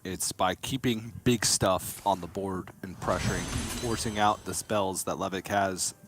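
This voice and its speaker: A man's voice: deep voice, fairly even intonation, a little slow, background noise. A man casting a live card game tournament, teasing his co-caster with playful banter. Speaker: esports caster.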